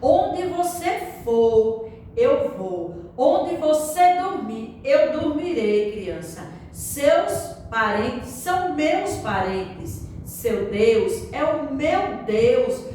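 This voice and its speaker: A woman's voice: high voice, big pitch swings, drawn-out words, darkish tone, very echoey, recorded from a distance, slight background noise, heavily acted, low-quality recording. Ruth, a woman doing an earnest devoted widow.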